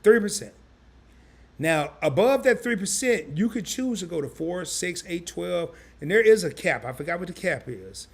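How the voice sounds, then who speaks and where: A man hosting a casual live stream, animated and chatty, reading viewer comments aloud in loose slang. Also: high voice, moderate pace, creaky, slightly rough. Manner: animated, chatty, repeats himself.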